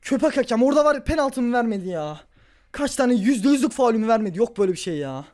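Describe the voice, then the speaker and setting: High-voiced man ranting over a game. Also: big pitch swings, quick pace. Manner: furious ranting and yelling at an opponent; muttering and grumbling after the game. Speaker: gaming YouTuber. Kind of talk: let's-play commentary.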